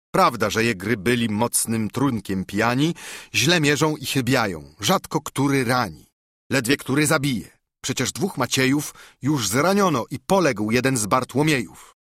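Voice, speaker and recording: Husky male narrator for an epic verse reading, dry and close. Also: mid-range voice, a bit bright, no echo. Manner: measured verse recitation. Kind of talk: reading an epic poem aloud.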